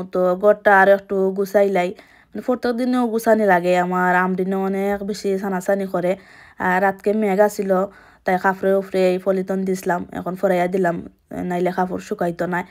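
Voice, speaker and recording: A young woman speaks with a Sylheti accent in a chatty, matter-of-fact way. Her pitch sits in the middle and stays level, with little rise or fall. She sounds like she is talking while busy at home. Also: a little mellow. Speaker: vlogger. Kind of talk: casual home vlog narration. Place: home kitchen.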